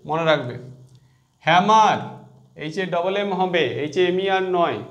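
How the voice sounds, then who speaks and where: Bengali male teacher, high voice, drilling exam spellings letter by letter. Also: fairly bright tone, lo-fi sound. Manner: spells words letter by letter, repeats key words slowly. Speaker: English teacher. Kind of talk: exam-prep spelling lesson.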